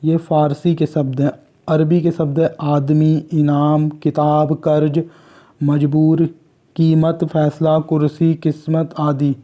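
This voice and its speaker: Man, Uttarakhand Hindi accent, exam-prep teacher; dark, unhurried, monotone list reading. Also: on the high side. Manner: slow, measured, list-like delivery. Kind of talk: reading out quiz questions and answers.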